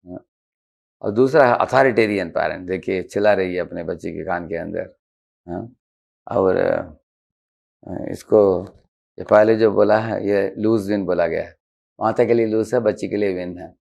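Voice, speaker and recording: Deep gravelly guy lecturing a devotional class, chatty, lots of haan fillers. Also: a little mellow. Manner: conversational, mixes English terms into Hindi, frequent "haan" fillers; explains slides and acts out short quoted examples. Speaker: spiritual teacher giving a lecture. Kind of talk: devotional lecture on assertive speech.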